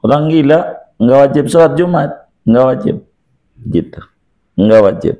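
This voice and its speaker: A man's voice: mid-range voice, animated, a little slow, dark tone. A man giving a joking, repetitive religious lecture to a congregation. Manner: jokey, uses Betawi slang and repeats phrases. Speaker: preacher.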